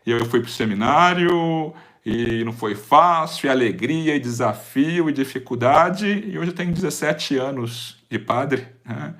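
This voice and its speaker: A Brazilian priest in his forties giving a personal testimony, animated and acting out dialogue as he tells it. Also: medium pitch, a little slow. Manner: animated storyteller who acts out quoted dialogue.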